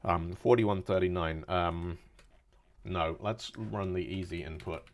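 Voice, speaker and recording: A man's voice: low voice, measured pace. A man in his forties thinking aloud while debugging code on a casual live stream, cracking dad jokes between mutters. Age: 40s.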